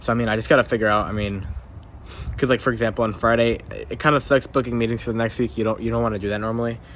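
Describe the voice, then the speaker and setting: A man's voice: medium pitch, steady tone, very fast, a bit bright, slight background noise. A young man keeping a casual spoken journal, rambling, swearing freely and often repeating himself or tripping over his words.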